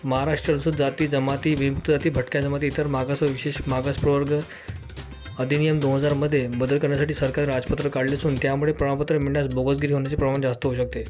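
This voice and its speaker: Male news voice-over, monotone and quick, faint music bed under it. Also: medium pitch. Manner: flat, rapid formal reading. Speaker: news reader.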